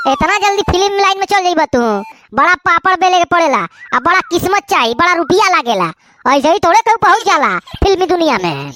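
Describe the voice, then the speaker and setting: A woman doing very high, squeaky voices for quarrelsome village cartoon characters with a Bhojpuri accent. The delivery is lively and swoops around as they tease, stammer and argue. Her tone is bright and sharp. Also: fairly quick, heavily acted. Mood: bickering. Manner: teasing, quarrelsome banter with stammers. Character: bickering village men and a film director. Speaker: cartoon voice actor. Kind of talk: village comedy cartoon dialogue.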